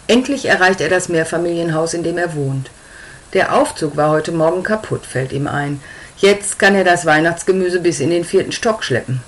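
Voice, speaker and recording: A woman narrating a story in a calm, even reading voice. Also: low voice, poor audio.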